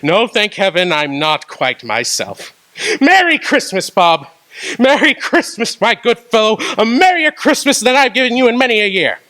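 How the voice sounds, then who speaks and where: A giddy reformed old Scrooge. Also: male voice, high voice, big pitch swings, moderate pace, bright, forceful tone, exaggerated voice. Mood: teasing. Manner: exuberant, laughing, theatrical. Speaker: actor. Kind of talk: radio drama acting.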